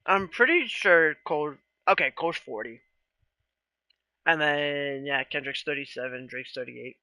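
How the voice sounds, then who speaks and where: A man chatting casually on a live stream, relaxed and rambling, often trailing off with questions. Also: on the high side, measured pace, no echo.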